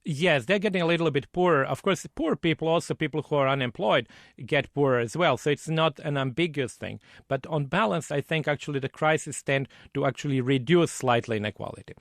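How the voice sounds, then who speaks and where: A man giving explanatory interview answers as an expert guest, somewhat haltingly, repeating words. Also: medium pitch, vocal fry, dry recording, clean studio sound. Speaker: economist and author interviewed.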